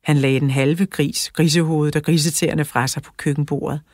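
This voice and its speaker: A woman narrating a children's audiobook in a steady storytelling manner, close to the mic. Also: low voice, dry recording.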